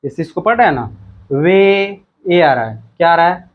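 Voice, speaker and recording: A man's voice: fairly high pitch, expressive, phone-quality sound. A male teacher explaining a textbook lesson, repeating himself and reading words out one by one. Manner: slow, repetitive, reads words out one by one.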